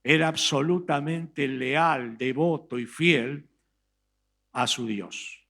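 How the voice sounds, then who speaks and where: A man with an Argentine Spanish accent, preaching a sermon as pastor and retelling a scripture story with emphatic, dramatic pauses. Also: fairly high pitch, vocal fry, a bit bright. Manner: reads scripture aloud slowly.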